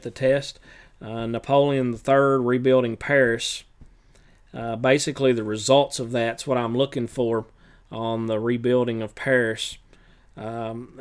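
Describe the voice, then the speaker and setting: A man with a clear, smooth voice at a middle pitch, talking as a teacher reviewing for a test. He speaks in a relaxed, unhurried way and fills pauses with uhs and ums. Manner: relaxed, with many filler uhs. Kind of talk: recorded review lesson.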